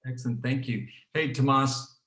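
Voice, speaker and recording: A man, a program director, hosts an online student panel in a relaxed way, with many fillers and restarts. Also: mid-range voice, normal speed. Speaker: program director hosting a webinar. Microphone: video call. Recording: roomy, echoey video call.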